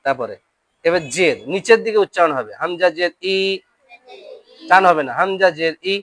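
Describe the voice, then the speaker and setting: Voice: mid-range voice, animated, normal speed, a bit bright, dry recording. Quran reading teacher, classroom drill, syllables spoken one by one, frequent comprehension checks, dry close sound. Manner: drills syllables aloud, often checks understanding. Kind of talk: letter-by-letter Quran reading lesson. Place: classroom with a board.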